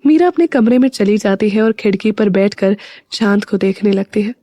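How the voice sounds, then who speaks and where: A woman narrating a scripted audio story in a steady storytelling manner. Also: medium pitch, moderate pace, no echo, clean studio sound.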